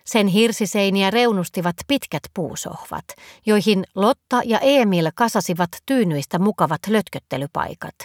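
A woman reads a children's story aloud in a gentle, expressive voice. Her mid-range pitch rises and falls in a lively way, carrying the storytelling along. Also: dry recording.

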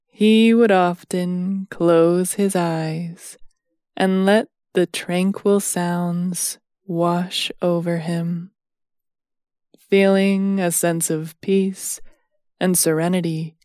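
A woman narrating a sleep story in a slow, soothing bedtime manner. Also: on the low side, mellow, no echo, clean studio sound.

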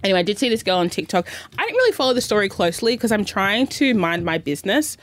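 A woman co-hosting a radio show, telling a story in an animated, gossipy way with bursts of emphasis. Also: medium pitch, fast talker. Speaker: radio co-host. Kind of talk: casual chat, storytelling. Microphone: studio mic.

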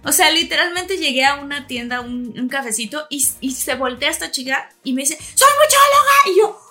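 Bright, lively woman co-host. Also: sits high, fairly quick, faint music behind. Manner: lively storytelling with animated quoted voices. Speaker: podcast co-host. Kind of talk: casual chat.

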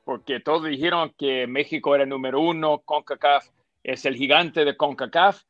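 Man, football pundit, fillers, emphatic, slightly high voice, dry studio sound. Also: steady tone, normal speed, a bit bright, no echo, lo-fi sound. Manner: emphatic, repeats points, mixes English fillers like "so" and "yeah". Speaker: football pundit, former player. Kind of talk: studio sports panel discussion.

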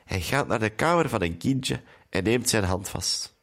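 A man calmly retelling a film's story as narrator. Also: lowish voice, normal speed.

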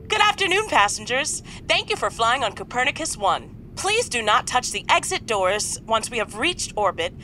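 Intercom announcer , played by a woman; polite, a touch high, far off with hiss behind. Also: sing-song, moderate pace, few pauses. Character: calm female spaceflight announcer. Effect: over the intercom.

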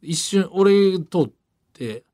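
A man's voice: sits high, very slow, clear, resonant tone. A man with a Kansai accent, chatting casually as a radio show co-host and acting out the voices in his stories. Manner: animated storyteller, acts out voices. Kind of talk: casual chat.

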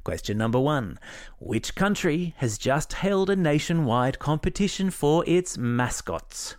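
A man's voice: a little high, lively intonation, unhurried. An Australian man hosting a kids' news podcast, reading scripted stories in an upbeat, playful way with jokey asides.

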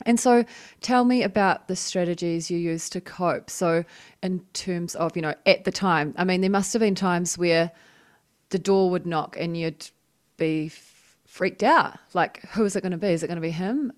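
A woman interviewing a guest, giving short affirmations and asking gentle questions. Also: on the low side, normal speed. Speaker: podcast interviewer. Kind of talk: conversational interview.

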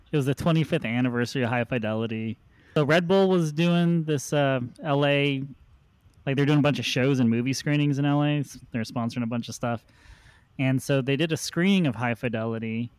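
Male podcast host, relaxed anecdotal storyteller, dry room, mid pitch. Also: brisk, smooth, dry recording. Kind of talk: casual chat, storytelling.

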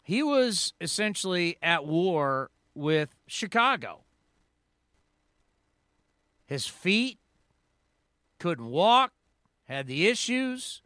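A man in his forties hosts sports talk radio from a studio microphone, his voice high and bright. He speaks clean and smooth, with a dry close sound and no room around him. He tells his stories in an energetic, rambling way. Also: extremely slow, pauses often, no room sound. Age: 40s.

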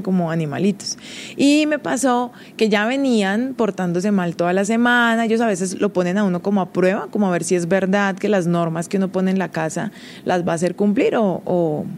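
A woman in her thirties talks to listeners as host in a chatty, confiding way, her voice sitting at an everyday middle pitch. She laughs often and keeps a friendly, conversational tone, with a faint low rumble under the recording. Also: darkish tone. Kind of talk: casual confiding monologue.

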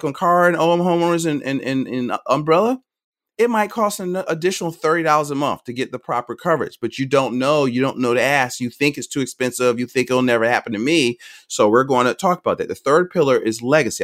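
A middle-aged man, a financial advisor guest on a podcast, talking quickly and energetically, often restarting his sentences. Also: mid-range voice. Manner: energetic, talks fast, jumps between points with restarts. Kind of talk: conversational podcast interview.

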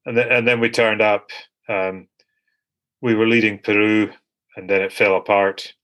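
A man's voice: fairly low pitch, flat delivery, normal speed, fairly bright tone. A man on a sports podcast, reminiscing with wry, self-deprecating humour. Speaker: podcast co-host. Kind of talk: casual sports podcast chat.

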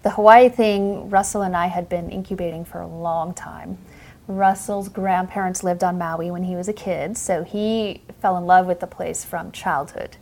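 A woman's voice: lowish voice, fairly even intonation, moderate pace, gravelly, darkish tone, rough recording. A middle-aged woman physician, born in the Netherlands and raised in Montana, chatting as a guest in an interview and telling her story with easy laughs. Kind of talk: casual interview conversation.

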